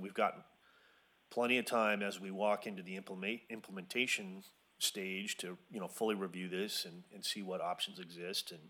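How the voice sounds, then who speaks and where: A man's voice: fairly low pitch, pushed and bright. A man on city planning staff briefing a commission, hedging his points with fillers and restarts. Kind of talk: briefing at a public meeting.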